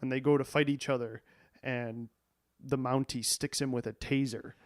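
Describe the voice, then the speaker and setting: A man's voice: mid-range voice, fairly even intonation, moderate pace. Casual male podcast co-host. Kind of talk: casual chat.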